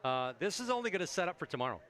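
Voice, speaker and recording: Male race broadcaster at a racetrack, rapid-fire, sharp tone, enthusiastic and conversational. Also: high-pitched, big pitch swings. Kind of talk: conversational sports commentary.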